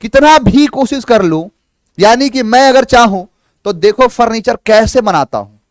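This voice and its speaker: A male grammar teacher giving a live online lesson, animated, acting out imagined student replies in quick back-and-forth dialogue. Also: very high voice, no echo, studio quality.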